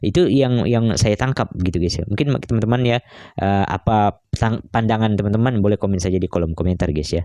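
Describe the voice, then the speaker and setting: Reaction host: man, lowish mellow voice, dry close sound, casual musing delivery with constant "guys, ya" tags. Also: fairly quick, no echo. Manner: keeps adding "guys, ya" tags and fillers; musing, hesitant.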